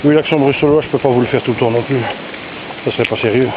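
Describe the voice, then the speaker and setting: A man talks his way through a countryside walk, relaxed and rambling, a little out of breath. His voice sits in a middle pitch, recorded on a handheld camera with dull, muffled sound. Wind noise roars across the mic. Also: fast talker. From Brussels. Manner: relaxed, rambling, many fillers. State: slightly out of breath. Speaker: vlogger. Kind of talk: walking vlog commentary. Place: outdoors on woodland and field paths.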